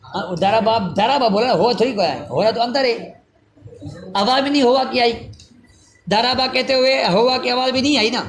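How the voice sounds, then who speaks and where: A man's voice: very high-pitched, a little hiss or hum. A male teacher giving a grammar lecture in a classroom, repeating each phrase and checking that his students follow. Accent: Pakistani Urdu.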